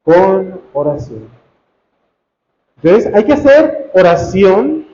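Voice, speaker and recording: High-voiced priest preaching slowly. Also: male voice, mellow, a little hiss or hum. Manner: slow emphatic preaching, repeating key phrases. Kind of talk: sermon teaching. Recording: dull, echoey room recording.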